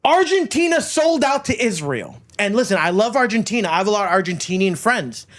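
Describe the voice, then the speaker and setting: A man's voice: high-pitched, big pitch swings, brisk, fairly bright tone. A man from Florida hosting a podcast, ranting casually with lots of profanity and repetition. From Miami, United States. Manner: profane, emphatic, repeats himself. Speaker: podcast host.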